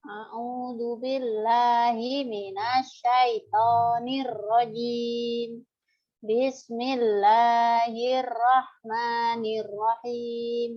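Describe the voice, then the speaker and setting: A woman's voice: on the high side, muffled recording. Woman who can't roll her r, with a cold. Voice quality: lisp-like speech defect, cannot roll the r, which comes out soft. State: has a head cold. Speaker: student in a practice teaching class. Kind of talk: Quran recitation and short polite replies.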